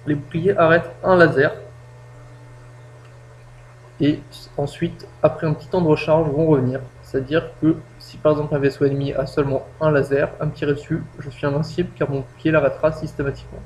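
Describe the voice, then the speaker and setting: Casting note: man, somewhat high voice, chatty self-mocking game tutorial host, low-quality home mic with faint hum. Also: level tone, fairly quick, darkish tone. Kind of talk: casual gameplay tutorial.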